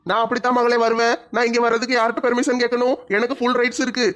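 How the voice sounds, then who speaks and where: A man's voice: very high-pitched, completely flat delivery, very fast, fairly bright tone. A man playing a blustering drunk father with a twang. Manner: blustering, mock-pleading, slurred drunk swagger. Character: drunken loafer father, middle-aged, bullying and shameless. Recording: dull lo-fi sound.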